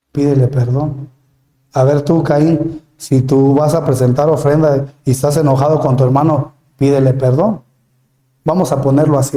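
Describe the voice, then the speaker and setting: A man's voice: fairly high pitch, mellow, roomy sound. A man with a Mexican Spanish accent preaching a sermon as pastor, earnest and questioning, often calling listeners brother. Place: church.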